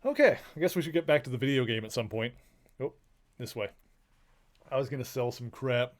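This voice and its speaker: A man's voice: medium pitch, fairly quick. A man streaming a video game, chatting casually in a rambling way and cooing affectionately to his pets. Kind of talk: casual chat while live streaming.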